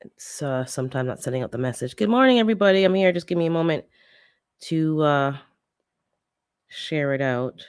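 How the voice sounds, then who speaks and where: With a stuffy, congested nose, a gardening channel host chats casually with her livestream viewers in a deep, expressive voice. She talks at normal speed with long pauses and a clean tone, telling stories, laughing a lot, and calling out chat members by name.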